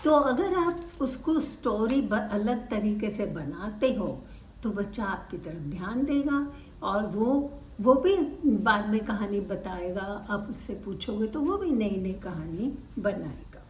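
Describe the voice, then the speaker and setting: A woman auditory-verbal therapist giving an instructional talk to parents, deliberate and expressive, stressing key words. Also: mid-range voice, reverberant, distant mic, slight background noise.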